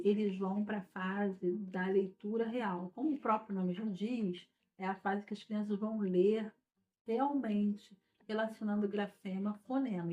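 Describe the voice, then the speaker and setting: A woman's voice: medium pitch, a little mellow. A woman teacher explaining a lesson patiently, often checking in with her listeners as she goes. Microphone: recorded without a microphone. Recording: dull lo-fi sound without a microphone.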